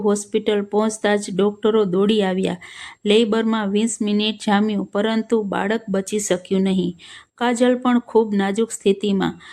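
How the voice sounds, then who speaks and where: A woman narrating a sad story, telling it slowly and earnestly and voicing the dialogue herself. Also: mid-range voice, a little mellow.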